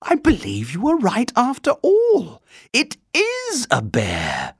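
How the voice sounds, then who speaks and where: A man voicing an astonished middle-aged wife who exclaims in a shrill, rising voice. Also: huge pitch swings, slow pace, slightly rough, no echo, studio quality, full character voice. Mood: amazed.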